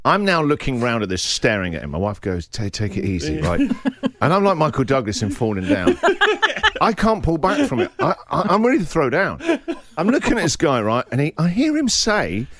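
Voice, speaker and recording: A middle-aged man hosting a radio show, telling a story in a casual, animated way, laughing and acting out the other people in it. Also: a little high, a little fast. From England. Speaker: radio host.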